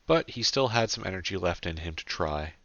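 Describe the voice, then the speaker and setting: Narrating his own audiobook, a man uses a deep voice with a bright, forceful edge, telling the story steadily, earnestly and animatedly at a fairly quick clip. The close, dry home recording comes across as a little dull and lo-fi.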